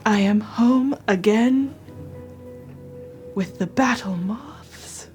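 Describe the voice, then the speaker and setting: A calm, otherworldly frost spirit voiced by a woman running a tabletop game speaks in a dreamy, distant voice. The words come slowly and are drawn out, sinking almost to a whisper. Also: a little high, faint music behind, pitched above the performer's own voice. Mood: dreamy, solemn. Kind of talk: game master voicing a figure in a tabletop game.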